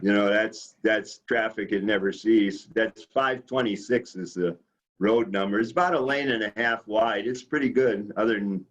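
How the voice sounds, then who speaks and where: A man with a fairly low voice chats casually with a group. The sound is dull and muffled, as on an online video call. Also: normal speed.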